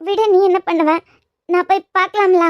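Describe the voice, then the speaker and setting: A woman's voice: very high voice, fairly even intonation, moderate pace, no room sound, highs cut off. A woman voicing an anxious young woman in a cartoon series, with a Kanyakumari Tamil accent.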